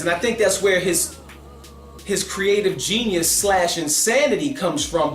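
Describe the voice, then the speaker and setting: A man giving a casual, animated album review, talking emphatically and with his hands. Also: a little high, roomy sound. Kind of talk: casual commentary.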